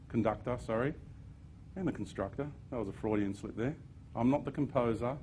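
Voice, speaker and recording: Man, spiritual talk to an audience, earnest, emphatic bursts, medium pitch, faint background noise. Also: darkish tone. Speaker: speaker.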